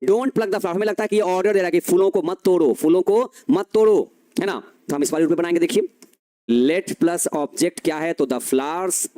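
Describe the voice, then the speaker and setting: A male teacher giving a grammar lesson, explaining slowly, repeating key phrases and answering his own questions. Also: high voice, warm tone.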